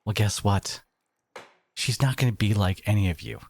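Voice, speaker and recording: In a dramatic roleplay audio, a man voices a devoted, protective boyfriend, speaking emphatically with sarcastic edges and dramatic pauses. His voice is on the low side, creaky and slightly rough, and he sounds indignant and sarcastic.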